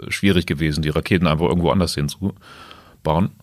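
A man's voice: a bass voice, steady tone, brisk, dry recording, studio quality. A man co-hosting a chatty news podcast, explaining things in a conversational way.

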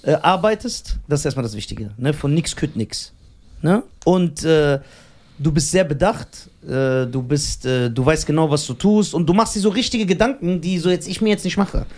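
A man talks in a casual podcast chat. His voice sits a little high. He teases and rambles, often breaking into laughter. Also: normal speed, a little mellow. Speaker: podcast co-host.

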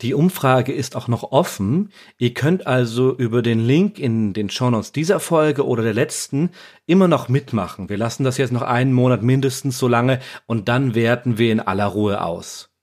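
A man with a lightly raspy voice at a middle pitch co-hosts a podcast. He presents in a prepared, scripted style. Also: normal speed, a little mellow. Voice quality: slightly raspy. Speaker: podcast co-host.

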